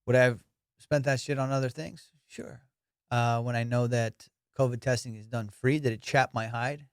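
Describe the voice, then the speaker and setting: Speaking at normal speed with a clean tone in a mid-range voice, a young man who does comedy and hosts a podcast spins casual, bragging stories thick with profanity and sudden bursts of excitement. The recording is dry, with clean studio sound.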